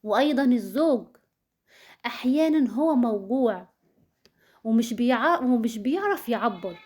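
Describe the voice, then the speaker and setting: Egyptian woman giving marriage advice, high warm voice, keeps repeating words to stress them. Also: animated, unhurried. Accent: Egyptian Arabic. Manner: earnest, repeats words for emphasis, addresses listeners directly. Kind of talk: advice talk to viewers.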